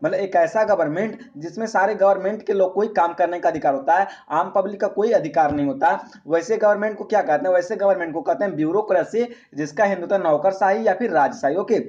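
A man's voice: sits high, darkish tone, lo-fi sound. A man teaching English vocabulary in an exam-prep lesson, asking his students questions and repeating the answers. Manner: repetitive question-and-answer teaching, asks "friends" often.

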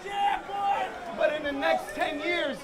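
A man battle-rapping on stage, his voice sitting unusually high as he throws out mocking punchlines and laughs through them. A noisy live crowd fills the background of this event recording. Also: slow pace. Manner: taunting, punchline delivery with laughing asides. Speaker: battle rapper. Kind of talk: live battle rap performance.

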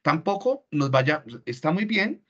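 Husky man lecturing on parenting. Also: a little high, sing-song, unhurried. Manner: conversational, keeps checking in with "¿sí?". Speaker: workshop speaker on parenting. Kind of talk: online parenting workshop talk. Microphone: video call. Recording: dull lo-fi call audio.

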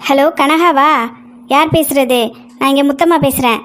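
A woman's voice: high-pitched, steady tone, normal speed, a bit bright. A woman voicing a chatty, bossy old village grandmother in a cartoon. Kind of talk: cartoon voice acting.

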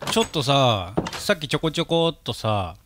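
A man's voice: medium pitch, sing-song, moderate pace, background noise. A young man from Japan, hosting a live game stream in easygoing casual chat with his friends and checking the audio as he plays.

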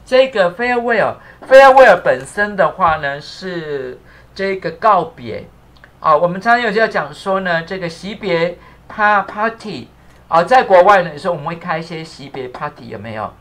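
Expressive and at a moderate pace, a man with a high, fairly bright voice runs an English lesson on a live stream. He spells each word letter by letter, repeats phrases, leans on fillers, thanks his viewers, and asks the crew to fix the captions.

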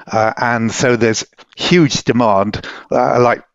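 A man's voice: medium pitch, fairly even intonation, slow, vocal fry, dry recording, dull audio. A man in his sixties giving an informal comment as a company chief on a video-call headset. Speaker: company founder and CEO. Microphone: headset boom mic on video call.

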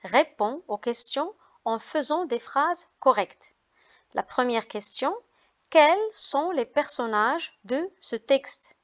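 A woman teacher speaks in a fairly high voice at a slow, deliberate pace. She reads a simple text aloud and then explains it to learners, spelling out letters and repeating words so they can follow. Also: lively intonation, fairly bright tone. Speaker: French teacher. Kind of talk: slow, careful reading and explanation lesson.

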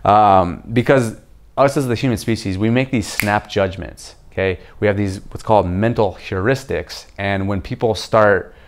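A young adult man with a low, deep voice reviews a book for his video channel, speaking straight to a camera framed chest-up in his home kitchen. He explains things casually, pausing easily and often checking in with "okay?"

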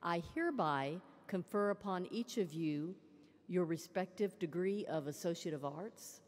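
This college president speaks at a measured pace in a fairly low voice as she proclaims a formal commencement address into a lectern microphone. The large arena gives the ceremonial speech a long reverb.

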